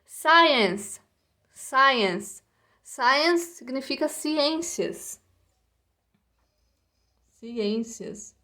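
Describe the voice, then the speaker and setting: A woman teaching children English vocabulary in a recorded lesson, repeating each word and checking in with short tag questions. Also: fairly high pitch. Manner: slow, repetitive pronunciation drills with frequent "tá?" and "né?".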